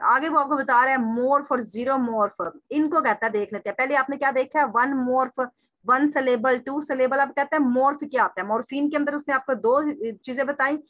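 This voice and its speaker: A woman teacher giving a recorded lecture. She asks and answers her own questions, spells out example words slowly and addresses listeners formally. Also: high-pitched, fairly bright tone, no echo. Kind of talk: recorded lecture reading through a text.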